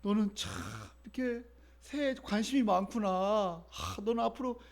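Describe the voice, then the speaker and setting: A man voicing a gentle, patient old mother. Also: high-pitched, a little slow. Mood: fond.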